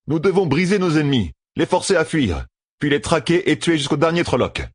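A man's voice: on the high side, expressive, fairly quick, slightly rough, no echo, clean studio sound, voice pushed up. A man doing a brash young war commander. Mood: resolute. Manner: urgent, commanding, shouts orders. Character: young male gambler general, brash commander.

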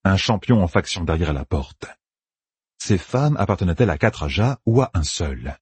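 A low-pitched man narrating a fantasy novel, his voice very husky and breathy. His pitch moves expressively as he reads, and he voices every character himself. The sound is dry and close. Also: very animated, normal speed, darkish tone, no room sound. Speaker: audiobook narrator.

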